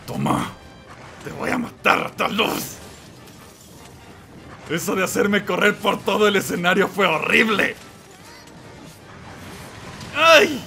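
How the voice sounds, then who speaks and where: A man giving excited let's-play commentary, yelling and exclaiming at the game and talking to the monster. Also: sits high, creaky. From Mexico. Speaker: gamer playing and commenting.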